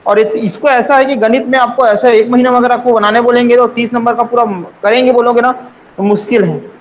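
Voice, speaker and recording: High-voiced male exam coaching teacher. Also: fairly even intonation, brisk, highs cut off. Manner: repeats points for emphasis, asks students rhetorical questions.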